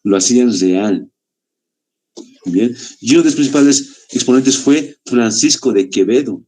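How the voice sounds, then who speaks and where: A man's voice: medium pitch, lively intonation, dark tone. A man from Bolivia teaching a literature lesson to exam applicants, explaining step by step with rhetorical questions and many tag questions. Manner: deliberate, stretches key words slowly.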